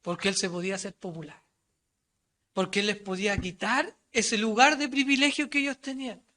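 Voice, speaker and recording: A male preacher with a Chilean Spanish accent delivers a sermon briskly and in a steady tone, asking rhetorical questions and answering them himself, and reading scripture aloud. When he quotes the crowd his voice rises loud and high, and on asides it drops low and quiet.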